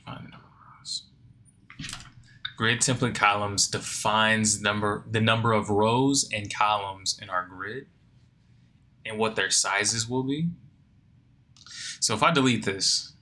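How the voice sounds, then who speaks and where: A sleepy man talks his way through a coding lesson in a slow, bright, somewhat low voice. He reads passages aloud and then questions himself, while keyboard typing and mouse clicks sound behind him. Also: fairly even intonation. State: sleepy, yawning. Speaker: coding learner. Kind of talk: think-aloud coding tutorial.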